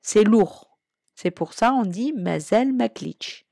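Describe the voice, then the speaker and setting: A woman's voice: mid-range voice, animated, gravelly, dark tone, no echo. Patient female language teacher, dry sound. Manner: patient, repeats each example slowly. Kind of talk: explanatory language lesson.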